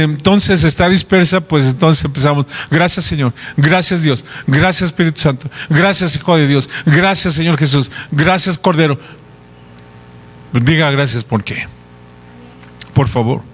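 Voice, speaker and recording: A male pastor preaching a sermon in a church, lively, acting out repetitive prayers to make his point. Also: a little high, long reverb tail.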